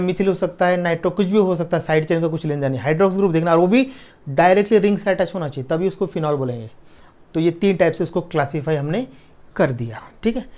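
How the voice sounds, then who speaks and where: A man teaching a chemistry lesson at a board, dictating notes slowly word by word and checking that students follow, with in the technical terms. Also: high-pitched, a little mellow. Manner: slow dictation, drawn-out words, frequent checks for understanding.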